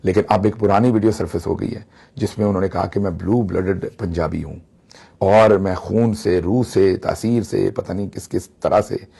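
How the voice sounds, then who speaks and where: A man's voice: low voice, gravelly, dark tone, husky. A man from Pakistan giving mocking political commentary, slipping into Punjabi phrases.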